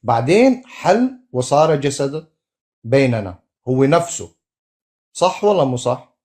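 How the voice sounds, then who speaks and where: A man arguing his side in a religious debate, halting and stammering as he searches for words. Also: mid-range voice, big pitch swings, darkish tone. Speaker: debate opponent.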